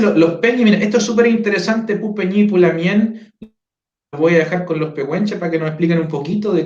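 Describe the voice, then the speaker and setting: A man's voice: high-pitched, a little mellow. A man hosts a casual online interview, often adding tag questions and restarting his sentences. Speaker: host. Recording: echoey, dull lo-fi sound.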